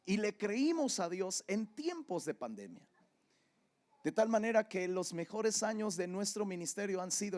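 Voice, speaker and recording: A man's voice: sits high, a little mellow. An older man with a Mexican Spanish accent, preaching a sermon and telling a personal story in a conversational way. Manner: conversational storytelling, often asks "¿verdad?". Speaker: pastor.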